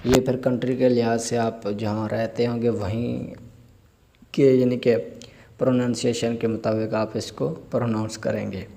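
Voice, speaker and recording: A man teaching vocabulary, spelling each word out slowly letter by letter and explaining pronunciation. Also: mid-range voice, flat delivery, vocal fry, mellow, slight background noise. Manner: slow, drawn-out spelling of words letter by letter; asides in Urdu-Hindi with polite fillers. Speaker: language teacher.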